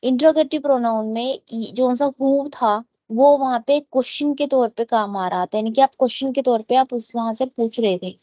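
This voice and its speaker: A woman teaching an English grammar lesson. She explains in Hindi and reads the English example sentences slowly. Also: a little high, warm tone, dry recording, dull audio.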